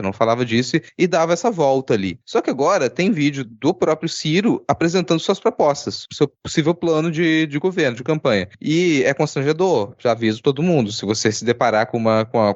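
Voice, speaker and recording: A man's voice: medium pitch, no room sound. A man co-hosting a political podcast, sarcastic, often stumbling and restarting his sentences. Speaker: podcast co-host. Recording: dry, dull lo-fi audio.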